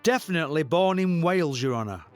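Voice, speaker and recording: A nervous defence lawyer, played by a man, pleading his clients' cases in a raised, lively voice that keeps climbing in pitch. He sounds hesitant, and faint music runs behind him. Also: fast talker, lightly acted.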